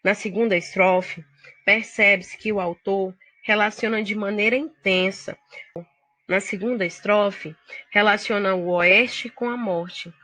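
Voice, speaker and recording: A woman's voice: medium pitch, steady tone, unhurried, sharp tone, no room sound. A woman teacher with a Brazilian Portuguese accent, explaining poetry step by step to her students in a recorded video lesson. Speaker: literature teacher.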